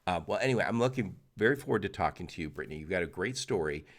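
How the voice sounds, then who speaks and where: A man's voice: sits low, animated, racing. A middle-aged man hosting a podcast interview, chatty and joking, with lots of fillers and restarts. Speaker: podcast host. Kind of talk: casual interview chat.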